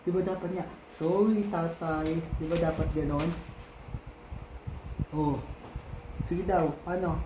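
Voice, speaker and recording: A father in a casual home video, patiently coaxing and gently scolding his young child, repeating his questions over and over. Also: fairly high pitch, fairly even intonation, takes it slowly, long pauses, roomy sound, noisy background. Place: home, indoors.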